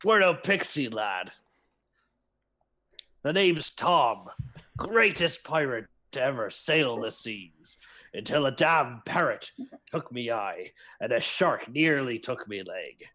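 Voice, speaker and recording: A man voicing a boastful, drunken old male pirate who talks in gruff sea-dog slang. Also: mid-range voice, animated, slow, pushed and bright, heavily acted.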